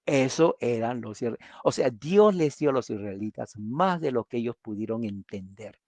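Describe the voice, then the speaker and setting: A man preaching a sermon, animated, asking rhetorical questions and acting out quoted voices. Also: mid-range voice, normal speed, dry recording.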